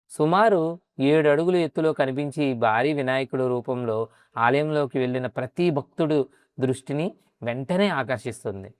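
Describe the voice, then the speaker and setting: Male travel vlogger, smooth tone, dry close sound, polite guide manner. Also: mid-range voice, no room sound. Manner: polite, adds a respectful "andi" often while showing the site. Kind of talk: narration and casual guided tour.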